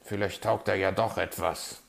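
A man voicing a grumpy, know-it-all male fox in a children's audio story, gruff and sardonic. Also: sits low, fairly even intonation, normal speed.

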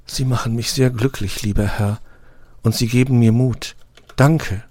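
A man's voice: medium pitch, fairly even intonation, a little slow, darkish tone, dry recording, voice pushed up. Man playing a prim, tearful rose flower. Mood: hopeful. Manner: formal, tearful, fussy. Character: proud, tender female rose flower. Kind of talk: audiobook reading.

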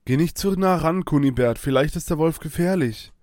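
A man's voice: on the high side, moderate pace, darkish tone, no room sound, studio quality, pitched above the performer's own voice, lightly acted. A man voicing a caring young woman adventurer who uses magic, in a raised voice.

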